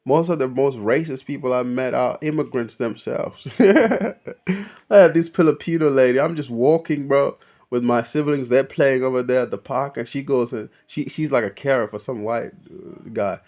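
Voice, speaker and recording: Mid-range and darkish, this young man's voice moves at a moderate pace as he vlogs an off-the-cuff rant. Kenyan-born and Australian-raised, he's emphatic and slangy, dropping "bro" again and again.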